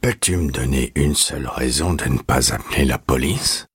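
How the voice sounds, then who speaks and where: A cold, menacing old man from an audiobook, voiced by the male narrator, with a very deep, husky voice. He speaks in slow, measured threats. The recording is dry and close. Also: no room sound, heavily acted. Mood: threatening. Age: older. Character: bitter old former officer, menacing and guarded.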